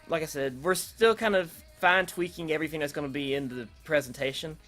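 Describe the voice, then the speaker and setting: The host's voice is slightly high with a fairly bright tone as he makes casual announcements for an online creative group's video. Nothing is scripted; he rambles, hesitates and often rephrases, and electronic dance remix music plays in the background.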